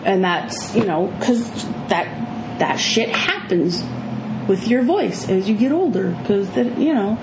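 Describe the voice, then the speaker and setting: A middle-aged woman with some vocal fry, chatting casually and emphatically about movies as a review co-host. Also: mid-range voice, expressive, measured pace. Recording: echoey room with clear background noise.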